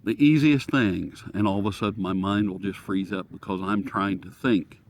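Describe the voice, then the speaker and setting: Speaking at normal speed in a fairly low voice, a man presents a casual gadget review to camera outdoors. He rambles in a folksy, self-deprecating way and gets sidetracked easily, while a breezy day adds light wind noise.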